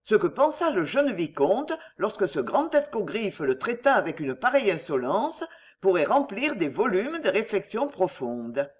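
A woman narrating an audiobook with expressive storytelling. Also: medium pitch, moderate pace.

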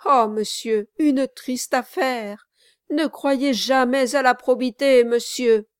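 A woman's voice: high voice, takes it slowly, smooth, dry recording, clean studio sound, voice pushed up. Woman doing a whining sanctimonious lawyer. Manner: lamenting, headshaking, sanctimonious. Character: smooth, sanctimonious lawyer man, fussy and whining.

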